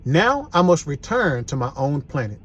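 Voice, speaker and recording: A man reading aloud as a calm, formal male alien schoolteacher. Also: on the high side, normal speed, husky. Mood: solemn. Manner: formal, polite.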